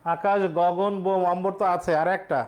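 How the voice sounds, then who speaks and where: A man's voice: high voice, little pitch movement, a little fast. A male teacher, explaining exam questions step by step and quizzing his students. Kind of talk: exam-prep lesson.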